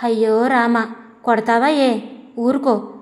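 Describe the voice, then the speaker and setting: A woman's voice: a little high, fairly even intonation, slow. A woman voicing a teasing, bossy young sister-in-law who chides playfully, in an audio story with a long hall reverb. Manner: chiding, playful.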